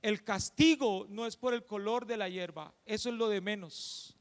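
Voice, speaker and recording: A man voicing a calm, wise male lion king in a spoken fable, who speaks in a measured, grave way. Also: high voice, big-room sound.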